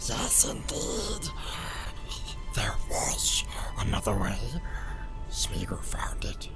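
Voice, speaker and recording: Gollum, a gravelly wheedling creature. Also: female voice, very animated, slow pace, heavily acted. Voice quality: hissing whispers and gravelly squeaks. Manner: wheedling, whining, swinging wildly from shrieks to whispers. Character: wretched groveling creature, pleading, fearful and sly. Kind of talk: dramatized audiobook acting. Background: background music.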